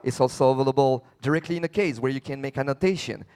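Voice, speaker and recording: A man's voice: medium pitch, fast, a little mellow, smooth. A man from France with a French accent presenting a live product demo, speaking with frequent hesitations. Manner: hesitant with many uh fillers. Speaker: app presenter.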